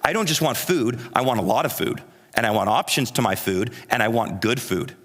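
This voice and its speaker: A man's voice: medium pitch, expressive, brisk, fairly bright tone. Earnest preaching man in a reverberant hall. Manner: earnest, conversational preaching with rhetorical repetition. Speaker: pastor. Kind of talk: sermon. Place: church sanctuary.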